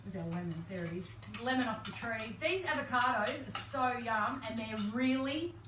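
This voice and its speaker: A woman's voice: on the high side, expressive, moderate pace, reverberant, recorded from a distance, noisy background. A woman co-hosting a live cooking stream in a home kitchen, chatty and bubbly, laughing often. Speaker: cooking show co-host.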